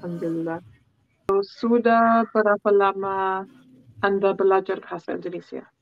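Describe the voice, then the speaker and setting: A British woman, a native English speaker, interviewing casually in Indonesian as a foreigner, with halting, learner's phrasing. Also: mid-range voice, fairly even intonation, no echo, highs cut off. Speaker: interviewer and YouTuber.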